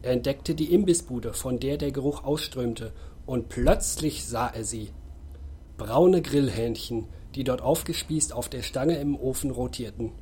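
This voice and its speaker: Male audiobook narrator, lively storytelling, relaxed dark tone. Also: medium pitch, unhurried, slight background noise. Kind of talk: audiobook reading.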